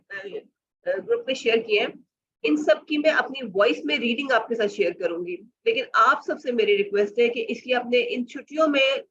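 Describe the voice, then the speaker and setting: A woman teacher trainer running an online lesson, slowly sounding out letters and blends and switching between Hindi and English phrases. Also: fairly high pitch, fairly bright tone, far from the mic, lo-fi sound, slight background noise. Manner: slow, drawn-out sounding out of phonics sounds. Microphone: computer or phone mic on a video call.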